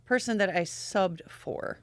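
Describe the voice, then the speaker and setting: A woman's voice: medium pitch, a little slow. A middle-aged woman hosting a casual podcast chat in a studio, bubbly and laughing often. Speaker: podcast host.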